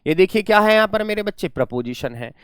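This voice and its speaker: A male teacher walks students through a grammar lesson, his pitch rising and falling in an animated sweep. He coaxes the class along in a friendly, encouraging way. The sound is close and dry, with no room around it. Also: quick pace, clear, resonant tone, dry recording. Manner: lively, coaxing, calls students "my friend" and "my child". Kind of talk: classroom lecture.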